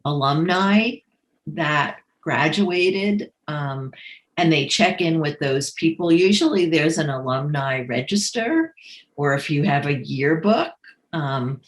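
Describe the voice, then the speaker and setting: A woman speaks with a New York accent in a low voice. She is a career coach talking slowly and easily in a live question-and-answer session, with a lot of ums. The sound carries a noticeable room echo. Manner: relaxed and conversational, frequent ums.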